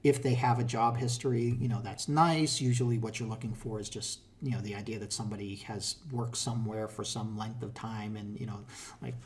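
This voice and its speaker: In a brisk, lowish voice, a middle-aged man with a Boston accent gives hiring advice as a tech manager. The casual, relaxed interview is full of fillers and restarts.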